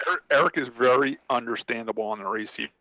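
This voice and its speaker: A man's voice: mid-range voice, quick pace, bright, forceful tone, dry recording, rough recording. A man co-hosting a podcast, talking in a casual, rambling way about his racing. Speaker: podcast co-host and racer. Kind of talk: casual chat.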